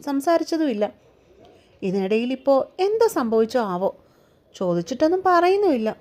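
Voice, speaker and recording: A woman voicing a stern, gruff young man who scolds bluntly and gets irritated quickly. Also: high voice, a little mellow.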